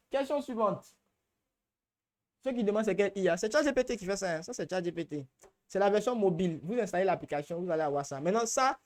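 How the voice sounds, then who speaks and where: A man's voice: sits high, a little mellow. A man with an Ivorian French accent, chatty and slangy, running a live workshop question-and-answer session. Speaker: trainer.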